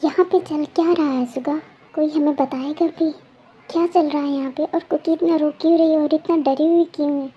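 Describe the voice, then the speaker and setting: A woman's voice: sits high, steady tone, moderate pace, highs cut off, close to an everyday voice. A girl voicing a frantic protective older sister. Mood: accusing. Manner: pleading, accusing, tearful. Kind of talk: fan-made voiced love story.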